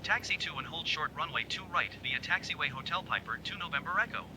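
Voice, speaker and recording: Brisk man on a cockpit headset. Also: fairly high pitch, expressive, background noise. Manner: brisk, clipped, formulaic. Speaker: pilot making radio calls. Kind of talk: clipped aviation radio phraseology.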